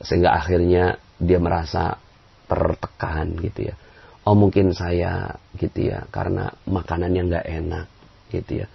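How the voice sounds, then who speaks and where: A man's voice: level tone, a little slow, gravelly, breathy edge. A man preaching to an audience in a conversational way, acting out quoted voices and chuckling often. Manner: conversational, acts out quoted voices with big pitch jumps; frequent fillers and chuckles. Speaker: Islamic preacher. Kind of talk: motivational religious talk. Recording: dull lo-fi audio.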